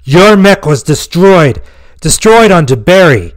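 A man voicing a dying, spiteful mercenary commander who stammers, gasps and shouts, weak and wounded. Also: high-pitched, very animated, measured pace, voice pushed up. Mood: angry. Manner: gasping, stammering, rising to shouts.

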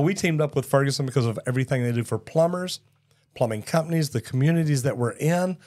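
This podcast host in his sixties has a fairly high, slightly mellow voice. He runs a casual live talk show on a studio set, speaking through a boom-mounted broadcast mic in a folksy, upbeat way and frequently addressing people as "man".

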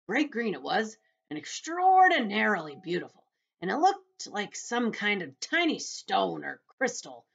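A woman voicing a boastful, rascally male centipede in a loud, self-satisfied manner for a storybook. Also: mid-range voice, wildly swooping pitch, measured pace, vocal fry, breathy edge, pitched above the performer's own voice, full character voice. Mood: excited, bossy.

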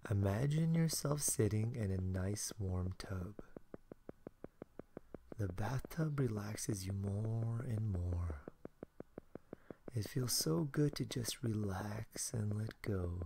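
A man softly whispering a soothing sleep hypnosis in a hushed, breathy way. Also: lowish voice, background noise.

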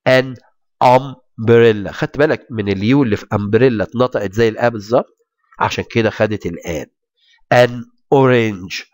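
Lively Egyptian man teaching English grammar. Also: medium pitch, no room sound, studio quality. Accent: Egyptian Arabic. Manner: reads English examples slowly and deliberately between quick Arabic explanations. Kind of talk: grammar lesson explaining English in Arabic.

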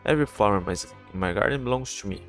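A man reading the lines of a mean, selfish fairy-tale giant who shouts possessively, with faint game music behind. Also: fairly low pitch, rapid-fire.

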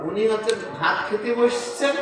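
A man's voice: sits high, lively intonation, normal speed. A man giving an informal sermon as an Islamic preacher, talking conversationally and putting rhetorical questions straight to his listeners. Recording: echoey, distant mic with loud background noise.

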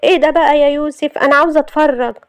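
A woman's voice: sits high, steady tone, racing, dry recording, pitched above the performer's own voice. A woman voicing a feisty, stubborn young wife with an Egyptian accent, talking back in a sassy way. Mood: defiant. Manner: sassy, argumentative.

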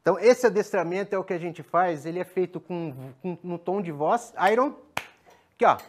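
A man's voice: high-pitched, expressive, moderate pace, slight background noise. A Brazilian man, a dog trainer, explaining on a TV show with many restarts and tag questions. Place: TV studio.

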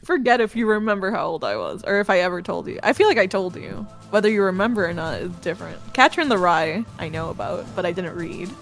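A woman chatting casually with a friend during a game stream, rambling, animated and swearing freely. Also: on the low side, fast talker, creaky, hardly any pauses, soft background music. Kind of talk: casual chat.

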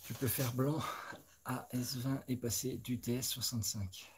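A man's voice: medium pitch, steady tone, unhurried, noisy background. A man hosting a live stream, chatting casually, thinking aloud and talking straight to his viewers. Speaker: host of a live scale-modeling stream.

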